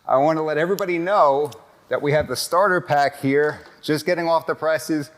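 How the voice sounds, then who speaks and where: A man whose voice sits on the high side speaks at a moderate pace. He's a lawyer hosting a casual interview podcast from a cigar lounge, and his tone is upbeat and promotional.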